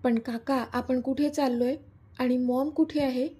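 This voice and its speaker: Woman doing a defiant young girl, tearful, husky, mellow voice. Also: high voice, steady tone, unhurried.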